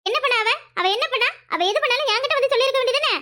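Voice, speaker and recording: A woman voicing a sharp scolding cartoon mother. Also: extremely high pitch, racing. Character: protective scolding mother of a village household.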